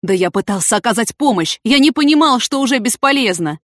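A woman's voice: expressive, fairly quick, a bit bright, no room sound, clean studio sound. A woman voicing an indignant, flustered male scientist protesting his innocence. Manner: protesting, high-strung.

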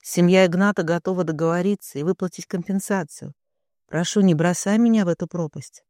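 Man reading a young heroine: tearful, pleading, defiant; high voice. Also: fairly quick, a little mellow, no echo, studio quality, lightly acted. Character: distraught young woman, desperate and defiant.

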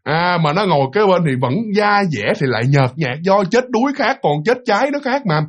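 A man with a Southern Vietnamese accent telling a ghost story in an animated, emphatic way, throwing rhetorical questions at his listeners. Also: high-pitched, brisk. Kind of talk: spoken ghost story narration.

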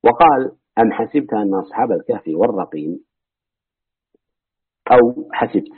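A man reading a classical Quran commentary aloud in a measured way, adding brief remarks of his own. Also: lively intonation, husky, dry recording. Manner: measured reading that drops to low asides. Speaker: reader and teacher of Quran commentary. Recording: dry, tinny phone-like audio.

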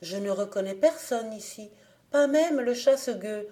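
A woman's voice: fairly high pitch, animated, a little slow, dark tone. Woman voicing Marie Cornic, an anxious young woman. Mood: puzzled. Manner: anxious, pleading.

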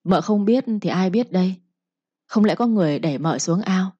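A woman's voice: fairly low pitch, animated, moderate pace, warm tone, breathy edge, no room sound, dull audio. A woman voicing a cold, curt young man, a doctor and eldest son, in a storybook reading. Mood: cool, curt.

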